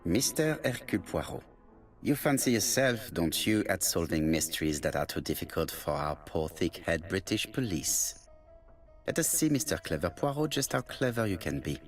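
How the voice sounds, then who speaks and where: An actor voicing a taunting anonymous letter-writer in a video game, speaking in a mocking, sneering way. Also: male voice, low voice, very animated, normal speed, far from the mic, soft background music. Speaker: game character.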